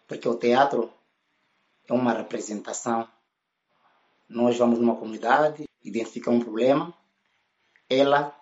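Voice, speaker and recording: A man gives a formal, measured explanation as an interview guest. His voice sits at an ordinary pitch and the recording sounds dull and lo-fi. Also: darkish tone. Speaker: interview guest, association representative.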